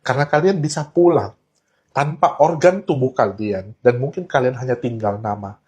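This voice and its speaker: A man's voice: medium pitch, moderate pace, a little mellow, dull audio. A man telling a warning story to his viewers in an urgent, emphatic way, mixing casual slang into his talk. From Indonesia. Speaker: online talk host. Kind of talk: earnest warning monologue.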